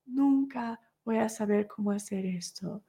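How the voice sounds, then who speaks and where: A woman's voice: on the high side, expressive, drawn-out words, warm tone, voice pushed up, full character voice. A woman voicing a despairing new mother. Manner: pleading, self-critical. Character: despairing new mother, exhausted, self-blaming.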